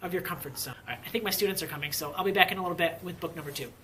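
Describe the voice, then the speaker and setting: An enthusiastic American elementary school teacher and book reviewer recommends books casually in a vlog, talking very fast in a fairly high voice. He's emphatic and repeats himself for emphasis, with faint background noise and ambient sound.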